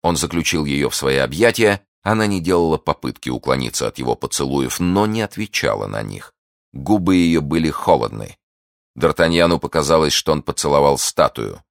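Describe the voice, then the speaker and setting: A man narrating a classic novel as an audiobook in an expressive storytelling manner. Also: a bass voice, moderate pace, vocal fry, no room sound, studio quality.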